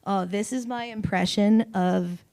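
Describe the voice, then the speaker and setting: A young woman doing an open mic stand-up set on a small stage, deadpan with sudden loud bursts and giggles. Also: medium pitch, a little slow. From Canada. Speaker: stand-up comedian. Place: small comedy venue on stage.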